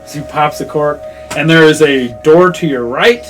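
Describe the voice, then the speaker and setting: A man running a tabletop game as game master, narrating in a loose, halting way with many fillers. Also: fairly high pitch, faint music behind.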